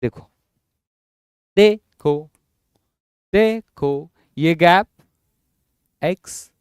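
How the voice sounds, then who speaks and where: A man teaching physics in a classroom lecture. He explains slowly and repeats himself, coaxing his students along. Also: fairly high pitch, smooth, no room sound, clean studio sound. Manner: drawn-out, repetitive explaining, coaxing students with "yaar" and "bhai".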